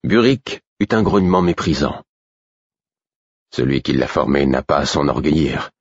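A man reading a first-person novel aloud, with steady, measured narration and voices for the characters. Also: rumbling low, husky, dry recording, muffled recording. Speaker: audiobook narrator.

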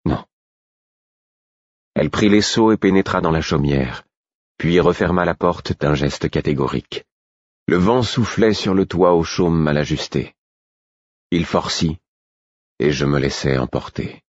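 A man reads a novel aloud in the first person, his voice sitting extremely low and husky. His delivery is measured and introspective. The recording is dry and slightly dull. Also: no echo. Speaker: audiobook narrator. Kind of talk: scripted first-person narration.

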